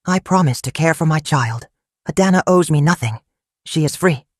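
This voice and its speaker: A storyteller voicing a calm, honorable wealthy young man in a folktale, speaking plainly and evenly. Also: medium pitch, no echo, studio quality, natural voice. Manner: calm, plain, measured speech. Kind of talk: storybook narration.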